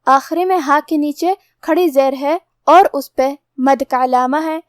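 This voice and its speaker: A teacher with a light, high female voice walks through recitation rules one step at a time. She speaks in a measured, methodical way, and the recording is close and dry without room echo.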